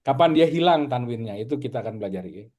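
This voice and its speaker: A man from Indonesia leads a relaxed Arabic class. His warm, dark-toned voice sits at an ordinary pitch. He drills each word patiently and slowly, so his students can follow. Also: lo-fi sound. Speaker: Arabic teacher. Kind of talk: casual online lesson.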